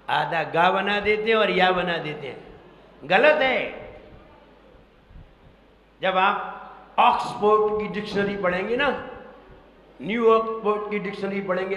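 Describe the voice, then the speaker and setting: A man's voice: high voice, fairly bright tone, a little hiss or hum. A man gives a sermon on pronunciation. He repeats himself, quizzes his listeners and spells words out letter by letter. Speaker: Jain monk preacher. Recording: echoey hall with long reverb.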